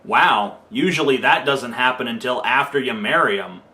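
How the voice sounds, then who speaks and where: A man's voice: medium pitch, lively intonation, normal speed, reverberant, heavy background noise. A man hosting a comedic trailer review show, talking with sarcastic, exasperated mock indignation.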